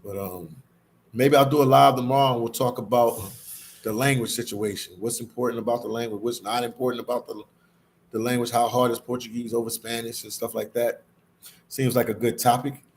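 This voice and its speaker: A livestream host chats casually with his audience and reads out their comments, slangy and repetitive, frequently calling them "man." His voice is mid-range and a little mellow, with clear ambient noise in the background.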